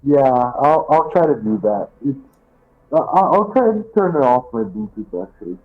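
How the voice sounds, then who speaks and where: A man playing a tabletop game online, his voice muffled as if heard through a wall or cloth, speaking in halting restarts. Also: medium pitch, sing-song. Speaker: player. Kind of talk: casual tabletop game chat. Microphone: headset mic muffled inside a shirt. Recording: muffled, tinny phone-like online call.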